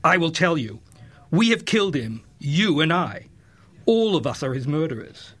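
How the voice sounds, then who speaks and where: Guy reading out a wild-eyed madman preaching, voice a bit high, building up. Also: very animated, moderate pace, fairly bright tone, breathy edge, full character voice. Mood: impassioned. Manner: read aloud with rising fervor. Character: impassioned male madman preaching in a marketplace.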